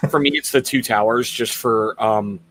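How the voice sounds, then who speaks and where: A man's voice: medium pitch, unhurried, a bit bright, dry recording. A man hosting a casual livestream interview, upbeat and reading out viewer questions from the chat. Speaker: host.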